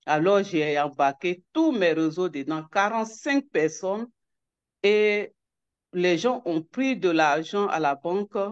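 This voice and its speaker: A woman's voice: on the low side, expressive, measured pace, lo-fi sound. Hesitant woman giving an emotional testimony. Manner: hesitant, many restarts and repeated words. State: emotional, near tears. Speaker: network coordinator giving a testimony.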